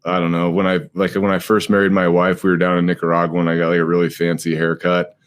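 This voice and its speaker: This podcast host, a man in his late thirties, talks fast in a low voice with a completely flat delivery. He chats casually into a live stream podcast mic, laughing often and swearing offhandedly.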